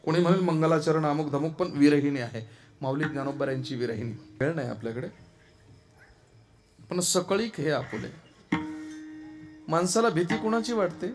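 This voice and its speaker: A man preaching a devotional kirtan sermon from a festival stage into a microphone, moving between quiet asides and loud, fervent exclamations. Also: fairly high pitch, normal speed, long pauses. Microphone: stage microphone through a sound system.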